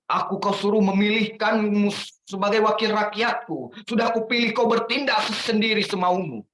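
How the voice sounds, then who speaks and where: A man reciting a protest poem dramatically, rising to shouts on the refrains. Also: high voice, moderate pace. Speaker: guest poetry reader. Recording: echoey room with faint noise.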